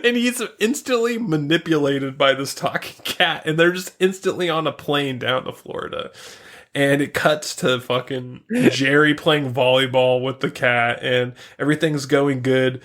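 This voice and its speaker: A young man co-hosting a podcast, retelling scenes with lively put-on voices, frequent laughter and swearing. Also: medium pitch. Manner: animated storytelling, acts out scenes in quick put-on voices, laughs often, swears. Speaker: podcast co-host. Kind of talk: casual review chat.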